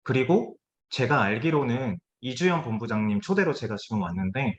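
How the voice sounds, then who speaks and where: A man's voice: mid-range voice, expressive, moderate pace. A man as guest speaker giving a motivational business talk over a video call, conversational with frequent hesitations. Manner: conversational, many hesitation fillers. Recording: dull lo-fi video call audio.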